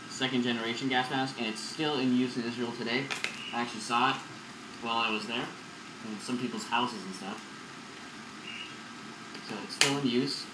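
Young guy talking thru a gas mask, relaxed and rambly, mid pitch, echoey room with noisy hum. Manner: relaxed, rambling, filler-heavy. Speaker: gas mask collector vlogger. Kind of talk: casual product demo. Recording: echoey room, loud background noise.

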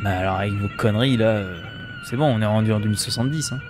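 A man from France commenting casually on a game he is streaming, playful and quick to laugh. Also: fairly low pitch, animated, music in the background. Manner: playful, laughing, mimics accents.

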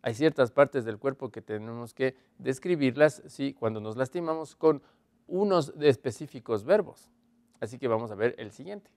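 A man teaching a televised English lesson, explaining patiently, checking in with his viewers and slowly drawing out model phrases. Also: mid-range voice, animated, darkish tone, dry recording.

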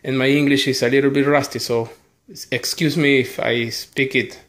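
This collector speaks to the camera in a relaxed chat, his mid-range voice fairly even and a bit bright. He is Argentine, his first language is Spanish, and his accent is Argentine Spanish. Inside a small, echoing bedroom, he haltingly and apologetically goes through his haul title by title.

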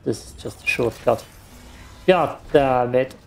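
Faint music sits behind a slow, mid-range male voice with vocal fry. He's an Austrian let's play host speaking German, cracking self-deprecating jokes while casually commenting on his gameplay.

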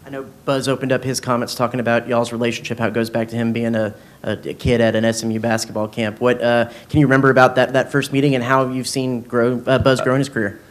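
Fast, halting male reporter. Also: medium pitch, flat delivery. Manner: halting, fumbling. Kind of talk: press conference question.

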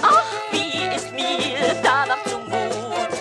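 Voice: sits high, wildly swooping pitch, takes it slowly, exaggerated voice. Carefree old granny with a cold. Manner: chatty, carefree patter song. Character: cheerful old grandmother with a cold. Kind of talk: sung rock-musical song. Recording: studio record with loud band music.

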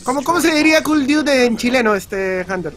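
Peruvian male stream commentator, high-pitched, upbeat and chatty, casual live banter. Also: lively intonation, brisk, fairly bright tone. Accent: Peruvian Spanish. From Peru. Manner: chatty, upbeat, filler-heavy. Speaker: speedrun commentator.

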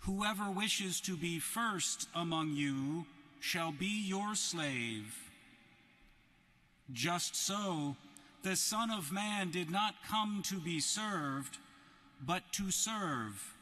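A man giving a solemn, measured gospel reading at Mass in a large basilica, his voice ringing with cathedral echo. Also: sits high, expressive, pushed and bright. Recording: long cathedral reverb in a basilica.

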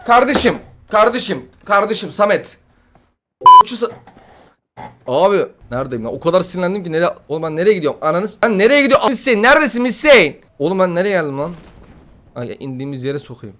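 Excitable man giving gameplay commentary. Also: high-pitched, fast, slight background noise. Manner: excitable, swearing, trash-talking, jokey. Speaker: gaming YouTuber.

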